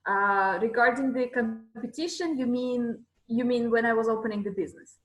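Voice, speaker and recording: A woman's voice: on the high side, moderate pace, reverberant, poor audio. Female interview guest from Kyrgyzstan, plain candid delivery over a video call. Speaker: guest, shop owner.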